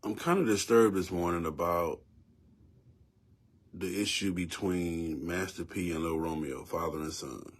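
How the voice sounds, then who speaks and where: Preachy fifties man, low voice. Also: steady tone, measured pace. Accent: Southern US. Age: 50s. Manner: preachy, emphatic, repeats words for emphasis. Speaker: vlogger giving opinion. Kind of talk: casual spoken commentary.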